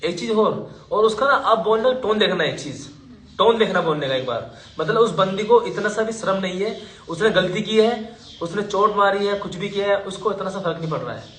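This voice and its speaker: A man's voice: sits high, expressive, normal speed, fairly bright tone, reverberant, low-quality recording. A man vlogger and team leader, talking emphatically and indignantly to his viewers while questioning his team.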